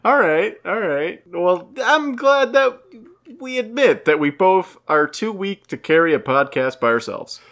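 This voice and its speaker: A man's voice: on the high side, lively intonation, moderate pace, hardly any pauses, fairly bright tone. A young man co-hosting a podcast in casual comedic chat, rambling and self-deprecating. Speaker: podcast co-host.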